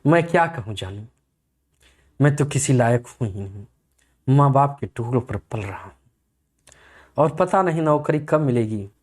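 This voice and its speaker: A man's voice: mid-range voice, expressive, unhurried, pauses often, darkish tone. A man doing a shiftless young lover in a comic storybook reading. He speaks with mock-tragic sorrow, pledging noble sacrifice without meaning a word. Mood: mock-sorrowful. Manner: mock-tragic, lazy, insincere. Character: idle, self-serving young man, fake lover.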